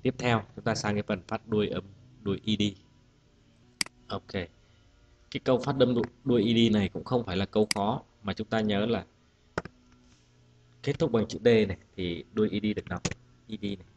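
A man's voice: on the low side, fairly even intonation, a little fast, long pauses, darkish tone, highs cut off, slight background noise. A male teacher walking students through an exam-prep lesson, patient and methodical, saying each example word twice before explaining it. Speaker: English teacher.

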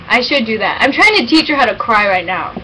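A woman's voice: fairly high pitch, lively intonation, a little fast, bright, forceful tone. A woman rambling casually in a homemade vlog, chatting informally to her viewers. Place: at home at a computer, with a dog nearby. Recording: noisy amateur home recording.

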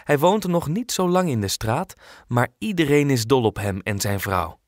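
A man narrating a children's audiobook in a clear, expressive storytelling manner. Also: mid-range voice, moderate pace, dry recording, studio quality.

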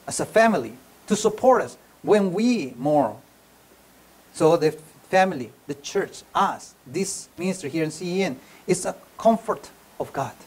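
Earnest man preaching a sermon. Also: high voice. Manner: earnest, repeats and restarts phrases, non-native grammar. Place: church hall.

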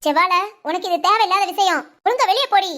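A woman voicing a quarrelsome, sharp-tongued old grandmother in a cartoon family drama. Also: very high-pitched, lively intonation, quick pace. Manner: insulting, bickering.

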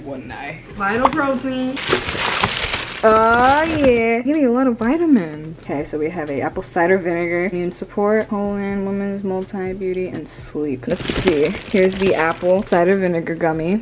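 Young woman vlogger, gushy and excitable, casual unboxing chat, noisy home recording. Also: medium pitch. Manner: excitable, swearing, gushing with squeals and laughs.

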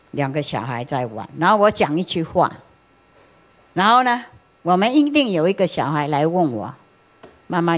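Animated woman pastor preaching. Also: low-pitched. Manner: lively, questions the congregation and answers herself; acts out anecdotes, chuckles often. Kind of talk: sermon. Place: church sanctuary.

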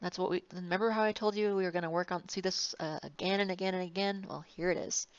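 A woman's voice: on the low side, fairly even intonation, quick pace, dry recording. A woman engineering instructor giving a recorded lecture, rambling and correcting herself with wry asides. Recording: dull, slightly muffled, dry sound.

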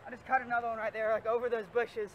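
A man's voice: very high voice, level tone, quick pace, muffled recording, noisy background. A teenage boy casually narrating his fishing trip by a pond, offhand and slangy, recorded outdoors on a camera mic. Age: teens. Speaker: vlogger. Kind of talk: casual fishing vlog commentary.

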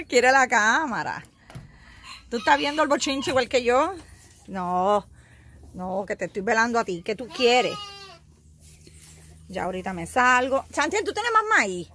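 Woman, slow, high-ish voice, soothes and coos at animals in a pen, phone recording with faint noise. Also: very animated, a bit bright. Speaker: evangelist filming her farm animals. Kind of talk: casual phone vlog with animals. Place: outdoor animal pens with goats and sheep. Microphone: handheld phone.

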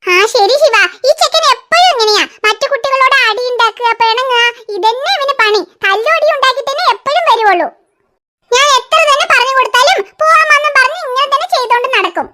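A woman voicing a cartoon mother who scolds her son quickly and threatens him. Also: very high voice, bright, forceful tone. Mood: scolding. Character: scolding young mother, sharp-tongued. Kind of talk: cartoon voice acting.

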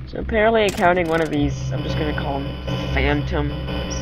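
A man's voice: fairly high pitch, normal speed, loud music behind the voice, rough recording. A young man giving live commentary on a horror game into a headset mic. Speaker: gamer playing a horror game.

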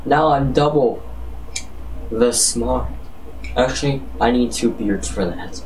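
A man's voice: medium pitch, slow pace, recorded from a distance, noisy background. A man rambling casually as a comedic challenge vlogger, with jokey, profane, exaggerated reactions.

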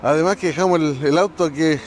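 A Chilean man talking casually and haltingly on an outdoor night exploration vlog. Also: a little high, steady tone, soft background music. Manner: halting, searching for words. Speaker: paranormal exploration vlogger.

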